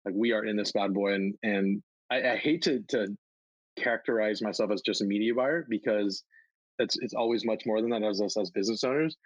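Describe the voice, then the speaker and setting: Earnest lower-voiced male interview guest. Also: a little fast, no room sound, dull audio. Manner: earnest, repeats words, a bit rambling. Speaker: podcast guest, media buyer. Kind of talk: casual interview talk.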